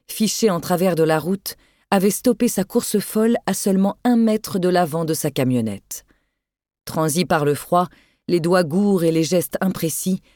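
An audiobook narrator reading a thriller in a measured, even storytelling manner. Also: mid-range voice, dry recording, clean studio sound.

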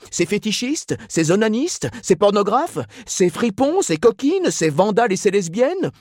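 A man's voice: sits high, a little mellow, no room sound, clean studio sound, pitched above the performer's own voice, heavily acted. A man voicing a haughty, pompous young man who lectures and declaims indignantly.

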